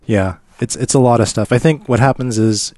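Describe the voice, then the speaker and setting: A man's voice: medium pitch, normal speed, mellow, no room sound. A man co-hosting a podcast in casual, understated, matter-of-fact conversation. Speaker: podcast co-host.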